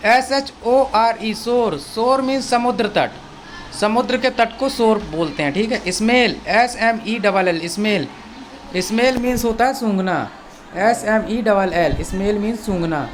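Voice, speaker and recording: Speaking at a measured pace in a mid-range voice, this English teacher works through a Hindi-explained language lesson. Each word is spelled out letter by letter, repeated and defined, with frequent, patient "theek hai" check-ins. A little hiss or hum sits under the recording.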